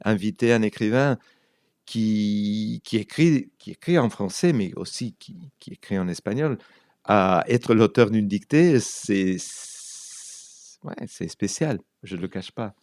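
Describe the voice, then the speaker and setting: This interview guest is an Argentine writer and translator whose native Spanish carries an Argentine accent. Speaking slowly but animatedly in a lowish, darkish voice, he shares anecdotes and often pauses to find words. The studio-quality recording has no echo.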